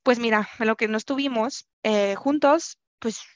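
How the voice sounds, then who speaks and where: A young Mexican woman with a Mexican accent telling a personal story as a podcast guest, animated and acting out the dialogue. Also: fairly high pitch, moderate pace, dull audio. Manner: animated, acts out quoted dialogue, laughs often. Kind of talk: casual storytelling chat.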